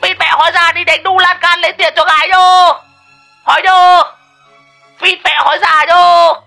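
A man's voice: very high voice, level tone, moderate pace, creaky, bright, forceful tone, soft background music, voice pushed up, exaggerated voice. A man voicing a foul-mouthed pet parrot that screeches curses over and over, in a comic audio story. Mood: shrieking.

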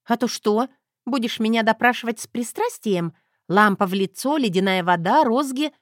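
In an audiobook, a woman voices a sassy, defiant young wife who keeps snapping back quickly. Her delivery is expressive and fairly high, pitched above her own voice but still close to an everyday voice. The recording is dry, with clean studio sound.

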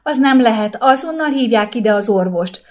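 A woman's voice: animated, close to an everyday voice. Woman voicing a hysterical sobbing new mother. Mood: demanding. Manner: shrill, sobbing, insistent.

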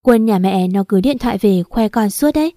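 A woman's voice: mid-range voice, animated, moderate pace, mellow, no echo, studio quality, close to an everyday voice. A woman voicing a talkative, fussing middle-aged mother-in-law in a read-aloud story. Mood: chatty. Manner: chatty, fussing, laughing easily.

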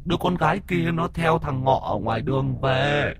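A man voicing a spirit medium who speaks in a raised, hushed, halting voice. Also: fairly high pitch, background noise, pitched above the performer's own voice, close to an everyday voice. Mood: eerie.

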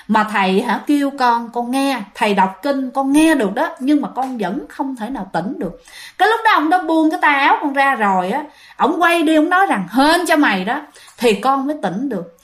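A woman with a Southern Vietnamese accent, casually retelling a ghost story and chatting directly to her listeners. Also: high voice.

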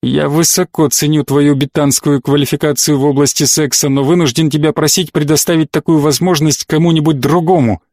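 A man's voice: a little high, fairly even intonation, fairly quick, hardly any pauses, darkish tone, dry recording, clean studio sound, close to an everyday voice. A man voicing a cold, stern male admiral who speaks in an icy, cutting manner, in an audiobook.

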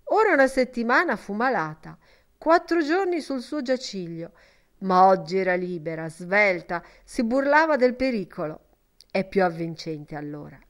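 A woman's voice: medium pitch, lively intonation, normal speed, close to an everyday voice. A woman reading an earnest young man in an audiobook, speaking fervently and in a confiding tone.

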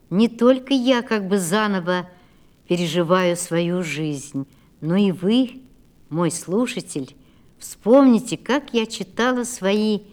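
An older radio actress introducing a recording in a reflective, measured way. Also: female voice, medium pitch, darkish tone.

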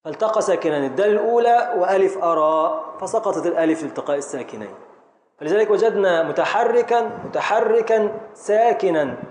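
Egyptian man, classroom lesson, slightly high voice, roomy echo, faint hiss. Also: animated, a little mellow. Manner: explains slowly, repeating syllables and calling on students. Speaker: teacher of Arabic grammar and prosody. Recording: echoey classroom with faint noise.

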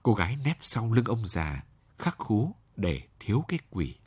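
A man narrating a story in a measured, expressive way for a late-night reading. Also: on the low side, husky, no room sound.

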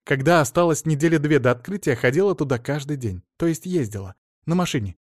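A man's voice: fairly high pitch, fast, no echo, clean studio sound. A man reading an audiobook, voicing a flustered, anxious woman who talks in a rush. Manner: excited and flustered. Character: anxious flustered woman talking fast on the phone.

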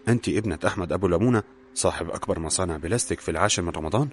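A calm, wry young engineer out of work , read by a man. He speaks evenly with a dry joke in it, his voice very low over soft music. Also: rapid-fire.

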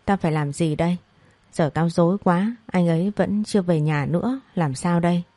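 A woman's voice: fairly low pitch, moderate pace, warm tone, no echo, lightly acted. Woman reading as panicked young wife, tearful, flustered, dry close sound. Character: panicked young wife, sobbing best friend.

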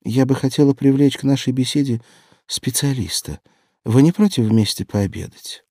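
A man's voice: on the high side, lively intonation, brisk, mellow, dry recording, clean studio sound, voice pushed up, lightly acted. A man reading an audiobook, voicing an impulsive young woman detective in a raised, pleading voice. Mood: eager. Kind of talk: audiobook character voice.

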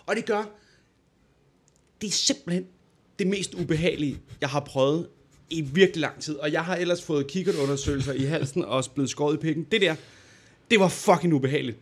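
A man's voice: fairly high pitch, breathy edge. A man co-hosting a podcast, casually telling a personal story and acting out the people in it. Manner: animated storyteller, acts out quoted voices. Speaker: podcast co-host.

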